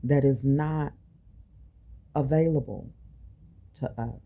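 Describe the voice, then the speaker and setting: A woman with a low, gravelly voice speaks in an impassioned personal monologue. Her phrasing is informal and emphatic, leaning on rhetorical questions, and she takes her time at a slow pace. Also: fairly even intonation, warm tone. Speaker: medical clinic worker.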